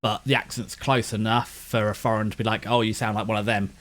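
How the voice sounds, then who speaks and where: An anime channel host from West London chats casually in a London accent with a slight lisp. His voice is lowish and a bit bright, his delivery flat and fairly quick. He meanders and keeps restarting sentences, his words blurring together.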